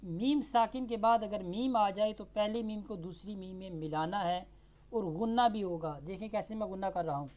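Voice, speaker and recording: A woman teaching tajweed who spells out letters and vowel marks, then recites each word slowly and drawn out. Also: medium pitch, a little mellow. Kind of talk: tajweed lesson.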